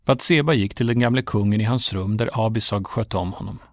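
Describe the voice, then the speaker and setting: A man narrating a Bible story in a steady, measured reading. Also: fairly low pitch, dry recording, studio quality.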